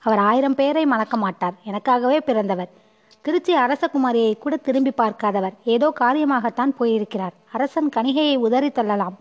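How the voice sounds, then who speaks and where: Anxious young courtesan pleading with herself, slightly high, lo-fi audiobook; woman narrator voices her. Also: moderate pace, in a large hall, close to an everyday voice. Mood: longing. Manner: pleading inner monologue. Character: lovesick young courtesan girl, anxious and self-doubting.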